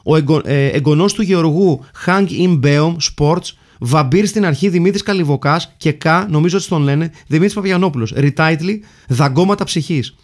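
A man hosting a casual comedic film chat, reading out listener suggestions and joking about them. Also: on the high side. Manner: jokey, reads lists of names and titles. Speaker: podcast host reading listener mail.

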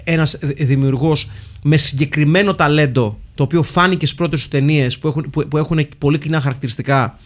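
A man, co-hosting a podcast in casual film chat, animated, slipping into English phrases and restarting his sentences. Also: fairly high pitch. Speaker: podcast co-host.

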